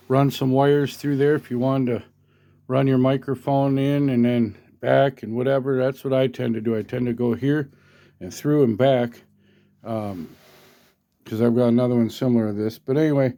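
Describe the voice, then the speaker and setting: This hobbyist demonstrator has a dark tone at a medium pitch. Showing off his equipment without a script, he talks in a relaxed, homespun manner, hesitating often and frequently asking if the listener is following.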